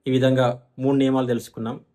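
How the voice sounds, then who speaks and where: A man gives a careful pronunciation lesson at a middle pitch. He asks his own questions, answers them, and slowly chants verse lines as examples. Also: little pitch movement, mellow. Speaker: chanting teacher.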